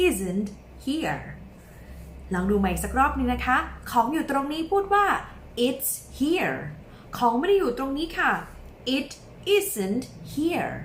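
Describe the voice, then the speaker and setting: Woman children's teacher: high voice, drawn-out bilingual coaxing, echoey room. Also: a little hiss or hum. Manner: slow, drawn-out modelling of words for repetition; lively, sing-song coaxing of children. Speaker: English teacher for young children.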